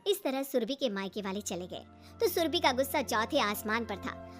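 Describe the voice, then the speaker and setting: A woman's voice: on the high side, lively intonation, normal speed, faint music behind. A woman narrating a cartoon story in a plain storybook manner.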